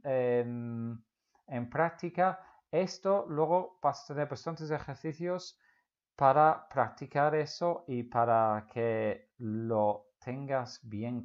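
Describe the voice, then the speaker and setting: A man teaching English grammar to Spanish speakers, patiently repeating example questions slowly. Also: medium pitch, muffled recording.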